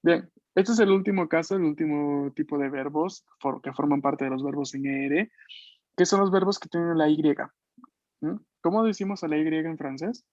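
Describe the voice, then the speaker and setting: A man teaching a French class online in Spanish, patiently explaining and slowly modeling words for his students. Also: on the high side, a little mellow, dry recording. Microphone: video call. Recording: dull lo-fi video call audio.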